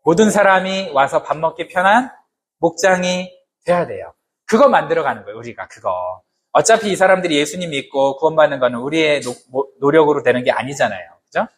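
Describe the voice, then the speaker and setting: A man's voice: fairly high pitch, lively intonation, brisk, husky. A man preaching a sermon to his congregation in a conversational way, often asking them questions and adding humorous asides. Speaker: pastor.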